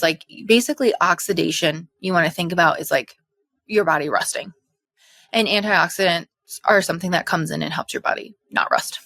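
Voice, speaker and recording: A young woman in casual educational talk, chatty and animated, a little out of breath, as a hormone health coach. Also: mid-range voice, dry recording. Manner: chatty, animated, full of fillers. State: slightly out of breath.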